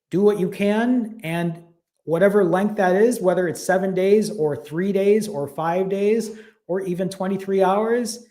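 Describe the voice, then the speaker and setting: A man's voice: high-pitched, warm tone. A man, casually hosting a live stream, reading viewer comments and thanking people by name, a little out of breath. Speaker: fasting channel host.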